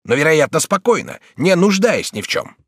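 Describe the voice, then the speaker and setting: A man's voice: on the high side, very animated, moderate pace, no room sound, clean studio sound, pitched above the performer's own voice. A man doing an agitated kindly prince regent. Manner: exclaiming, warm and agitated.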